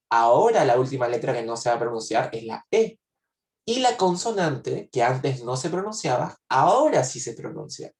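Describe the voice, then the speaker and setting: A man teaches a language lesson in a patient, methodical way, stopping to repeat points and ask if everyone follows. His voice sits in a middle pitch. It sounds picked up from a little way off in an echoing room. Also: darkish tone, far from the mic. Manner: patient, repeats and checks understanding. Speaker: French teacher.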